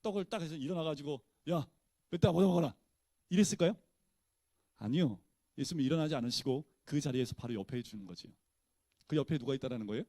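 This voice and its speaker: A man's voice: mid-range voice, quick pace, dark tone, no room sound. A male pastor teaching a Bible study in a casual, conversational way, often posing questions to his listeners and answering them himself.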